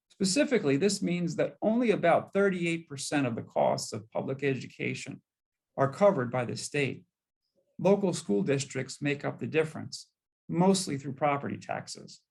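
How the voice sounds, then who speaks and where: A man with an American accent speaks in a gravelly, slightly high voice. He delivers a formal address in the manner of a civil rights orator. His phrasing is emphatic and impassioned, built on deliberate cadences. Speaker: exiting state higher education chair giving a speech.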